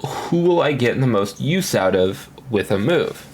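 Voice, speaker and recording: A man's voice: mid-range voice, expressive, unhurried, a little mellow, a little hiss or hum. A man casually commenting on his gameplay at home, rambling and thinking aloud with lots of fillers. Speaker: gaming commentator.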